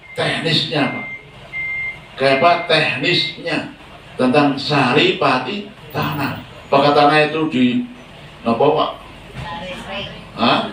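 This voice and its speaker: A male preacher with a mid-range, slightly bright voice gives a casual question-and-answer sermon, chatting and putting many questions to the congregation. He is off-mic in an echoey hall, recorded from a distance with a little hiss or hum.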